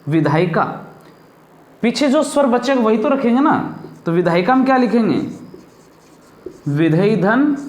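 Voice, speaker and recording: A man's voice: high voice, reverberant. A male teacher from India giving a classroom lesson, asking his pupils questions and then answering them himself. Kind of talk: classroom lesson on Hindi grammar.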